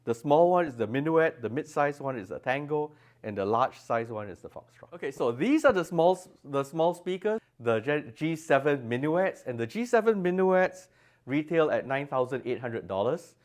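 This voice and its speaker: This man speaks at a fairly high pitch with a sing-song lilt and a moderate pace. He's a designer showing off products at a trade show, stressing technical points in an interview-style demonstration inside an audio show's exhibition room.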